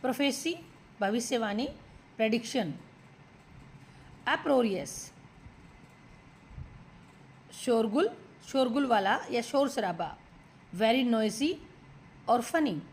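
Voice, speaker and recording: Slow, deliberate woman teacher. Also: fairly high pitch, expressive, slight background noise. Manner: slow, deliberate word-by-word dictation to students; addresses students as "beta". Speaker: English teacher. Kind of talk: vocabulary lesson.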